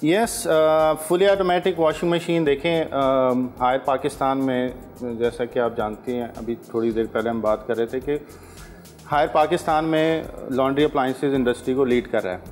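A man's voice: mid-range voice, a little slow, darkish tone, faint music behind. A man in his thirties, a guest from an appliance brand, explaining products hesitantly with many fillers and mixing in English. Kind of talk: promotional talk on a TV cooking show. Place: TV studio kitchen set. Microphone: lapel.

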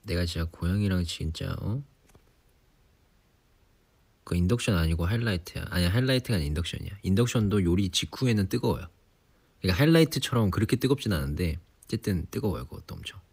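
A young man in his twenties, relaxed and chatty on a sleepy late-night livestream, teasing himself for nagging like an elder. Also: deep voice, fast, gravelly, slightly rough. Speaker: idol livestream host. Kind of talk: casual livestream chat. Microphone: phone or device mic, voice-only live.

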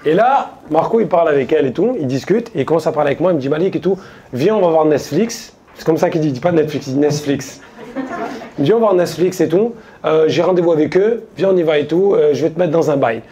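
A comedian on stage, spinning a loose, slangy story for the crowd. His voice sits a little high for a man, yet its tone is mellow and relaxed. He talks to the audience like old friends. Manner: casual slangy storytelling, quoting friends in quick asides. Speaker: stand-up comedian. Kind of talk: stand-up storytelling. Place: stage before a live audience.

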